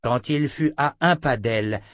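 A man narrating an audiobook in a measured, dramatic reading. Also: mid-range voice, a bit bright, no echo, clean studio sound.

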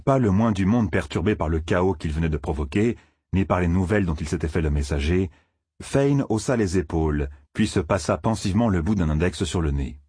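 A man reading a novel aloud in steady, measured audiobook narration. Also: low voice, slightly rough, no echo, studio quality.

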